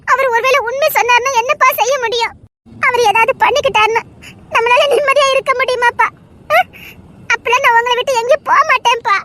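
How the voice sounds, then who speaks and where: A woman's voice: steady tone, fast talker, pushed and bright. A woman voicing a torn young wife who pleads through tears in an audio drama. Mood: tearful. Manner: pleading, tearful and high-pitched. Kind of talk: Tamil audio drama acting.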